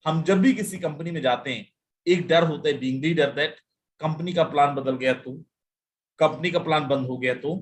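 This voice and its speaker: Hosting a live sales webinar, a man speaks emphatically, firing off rhetorical questions, often slipping in English phrases and calling listeners "my friend." His voice is a little high and his pace is normal.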